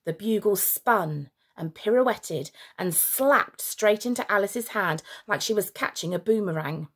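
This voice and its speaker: A woman teacher reading a children's story aloud with expressive storytelling. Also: mid-range voice, unhurried, breathy edge.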